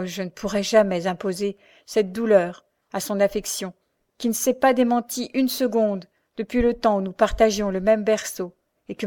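A woman's voice: mid-range voice, warm tone, close to an everyday voice. A woman reading the part of an anguished, devoted young woman in an audiobook, impassioned and pleading.

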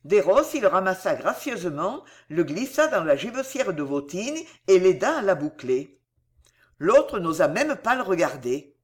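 A narrator reading a classic novel aloud with expressive delivery. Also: medium pitch, moderate pace.

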